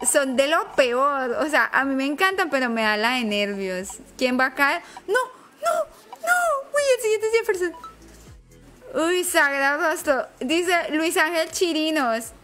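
Woman streamer, high sharp voice, nervous and excitable, chatting to her viewers live.

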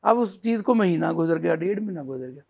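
A qawwali singer, telling a chatty anecdote as a guest on a TV show. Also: male voice, fairly high pitch, lively intonation, a little fast, gravelly, a little mellow, breathy edge. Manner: storytelling, chatty.

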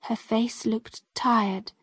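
A woman narrating an easy-level story in the first person, reading slowly and carefully. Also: on the high side, steady tone, slightly rough, no echo, clean studio sound. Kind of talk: slow graded-reader story narration.

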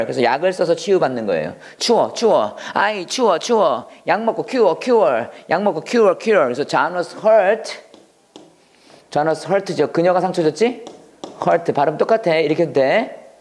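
A man teaching English vocabulary in Korean, with a Korean accent, repeating words in drawn-out sing-song drills. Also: a little high. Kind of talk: lively classroom-style vocabulary lecture.

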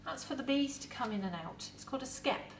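This English-accented museum educator, a middle-aged woman in costume, talks food with props on an indoor set in a lively, chatty way to camera. Her voice sits high and moves fairly quickly. The sound is echoey and distant, with slight background noise.

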